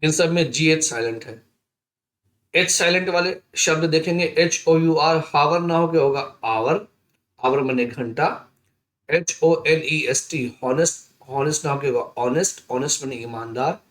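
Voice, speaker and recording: A man teaching a lesson, slowly spelling out words letter by letter. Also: a little high, fairly bright tone. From India. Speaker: English teacher. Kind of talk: spoken English lesson.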